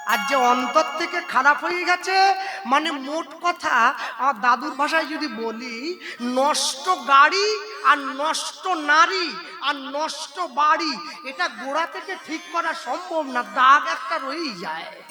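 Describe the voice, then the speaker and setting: A man's voice: very high voice, slow. A man with an Indian Bengali accent preaching at a kirtan, telling devotional stories, quizzing the audience and breaking into song. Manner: storytelling, quizzes the audience, laughs often. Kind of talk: devotional sermon with sung verses. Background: devotional instrumental music.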